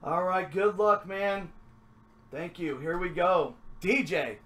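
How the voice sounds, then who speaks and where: A man's voice: high voice, slow, fairly bright tone. A man hosting a trading card break, chatting casually as he opens packs, upbeat and then mumbling to himself. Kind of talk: casual card-opening commentary.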